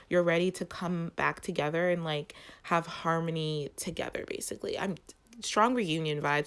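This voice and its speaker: A tarot reader and channel host gives a spoken reading to her viewers, her voice nasal and stuffy from allergies yet clear and resonant. She's a little low-pitched for a woman and halting, pausing and restarting with many "like" fillers as she searches for words.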